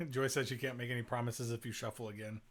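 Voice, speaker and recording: Very deep-voiced woman hosting a stream. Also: normal speed. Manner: easygoing and laughing, talks to the chat. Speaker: co-host of a board game stream. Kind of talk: casual chat.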